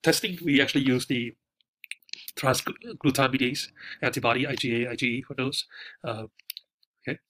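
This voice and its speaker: A man with a nasal, stuffy voice from a cold, teaching a recorded lecture in a halting way with many fillers. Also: medium pitch, pushed and bright, dry recording. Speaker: instructor.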